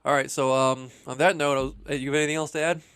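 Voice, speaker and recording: A man hosting a podcast in casual chat, relaxed and joking, sometimes hesitant. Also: mid-range voice, fast, clear, resonant tone, dry recording, clean studio sound. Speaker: podcast host.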